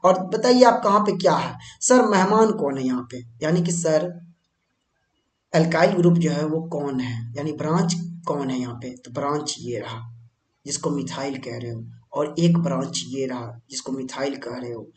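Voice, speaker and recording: Standing at the whiteboard, this Indian chemistry teacher runs a chatty board-exam lesson, posing questions to the class and supplying the answers himself. He speaks at a normal speed in a slightly high voice, and the sound is roomy.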